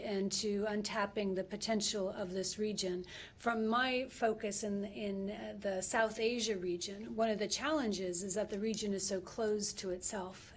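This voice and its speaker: Measured woman official at a briefing. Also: medium pitch, darkish tone, slight background noise. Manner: measured policy talk with frequent pauses to find words. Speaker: government official at a press briefing. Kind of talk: press briefing answers.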